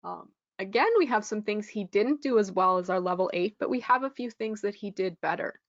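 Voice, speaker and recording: A woman's voice: medium pitch, fairly quick, no echo, dull audio. Woman teaching a test prep lesson. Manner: friendly, explanatory, frequent ums. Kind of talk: live online lesson.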